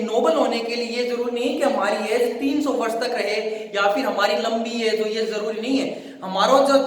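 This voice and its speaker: A male teacher lecturing a class on a poem. He repeats points, has pupils say words after him, and reads English lines slowly. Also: extremely high pitch. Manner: repetitive, asks pupils to repeat after him, calls them friends. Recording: echoey hall, far from the mic.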